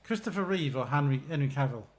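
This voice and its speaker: A man with an English accent co-hosting a podcast in casual chat, firing off quick questions and laughing often. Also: fairly high pitch, expressive. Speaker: podcast co-host.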